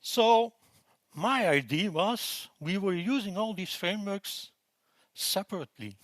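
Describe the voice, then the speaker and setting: A man from Belgium in his forties, giving a relaxed technical conference talk with frequent fillers and restarts. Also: high voice, a little slow, dry recording. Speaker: conference presenter. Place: conference room.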